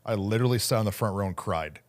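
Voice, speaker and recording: A man's voice: fairly low pitch, fast talker. A man in his thirties, a pastor co-hosting a casual podcast, telling a joking story and acting out his own lines. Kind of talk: casual chat.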